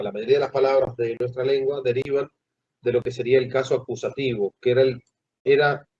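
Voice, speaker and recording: Man lecturing a class, husky. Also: mid-range voice, dark tone. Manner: asks the class questions, pauses mid-phrase. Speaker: teacher. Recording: dull lo-fi classroom recording.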